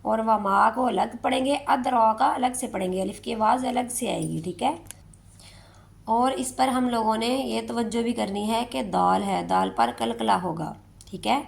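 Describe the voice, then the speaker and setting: Lady tajweed teacher, kinda high voice w gravelly edge, keeps asking "okay?". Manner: checks in often with a rising "okay?", repeats each word slowly. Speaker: Quran recitation teacher. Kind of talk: tajweed lesson, explaining rules then reciting verses slowly.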